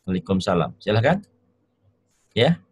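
A man teaching Quran reading in an online lesson over a video call, gentle and joking as he encourages his students. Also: lowish voice, big pitch swings, measured pace, breathy edge, low-quality recording.

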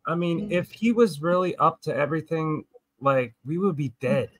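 A man's voice: a little high, expressive, moderate pace, slightly rough, no room sound. A man from Baltimore with an American accent, chatting casually on a panel with slangy, heavy swearing. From Baltimore, United States.

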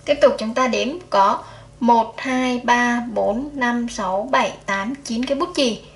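Patient woman teaching first-grade counting. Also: on the high side. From Vietnam. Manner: slow, patient counting aloud to children. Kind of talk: first-grade math lesson.

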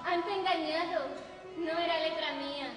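A woman's voice: very high voice, fairly even intonation, normal speed, music in the background. An actress playing a coy young noble lady, speaking classical verse on a theatre stage. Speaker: stage actor. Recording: echoey theatre stage from far off.

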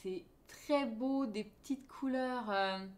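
A woman with a fairly high voice teaching a live online knitting class. She is chatty and friendly, and keeps checking in with her viewers as she goes. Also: slow pace. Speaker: knitting teacher hosting a knit-along.

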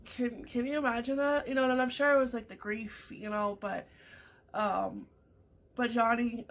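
Her voice leans high, with a flat delivery and moderate pace, as this Canadian vlogger in her thirties rambles to her webcam. She sips morning coffee in a small room at home, chatting casually with many fillers and restarts.

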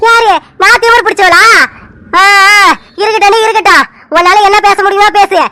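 A woman voicing a quarrelsome aunt in an animated joint-family drama, scolding sharply. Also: very high-pitched, normal speed. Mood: angry scolding.

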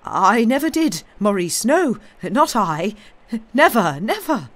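Reader putting on a panicked old lawyer, high quavering voice, stammers, begging. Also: sing-song, moderate pace, darkish tone, lightly acted. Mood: pleading. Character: terrified older male lawyer.

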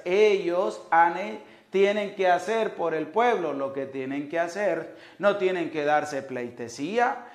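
A man in his thirties, a priest preaching a sermon at a chapel altar on a lapel mic, emphatic and fond of repeating rhetorical questions. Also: fairly high pitch. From Venezuela. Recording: echoey chapel.

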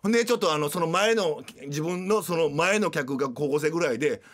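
A man's voice: a little high, brisk, a bit bright. A man with a Kansai accent, hosting a radio show and animatedly retelling scenes in casual storytelling. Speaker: radio host.

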